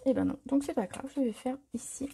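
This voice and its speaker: A woman demonstrating a paper craft technique in a live tutorial, chatty and relaxed, often correcting herself and laughing at her slips. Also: high-pitched, fairly quick, noisy background.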